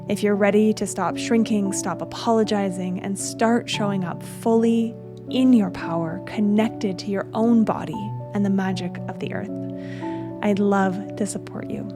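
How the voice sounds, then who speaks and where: A woman hosting a spiritual podcast, speaking in a soft, earnest, measured way. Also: mid-range voice, fairly even intonation, music in the background. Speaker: podcast host. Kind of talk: spiritual podcast narration and interview.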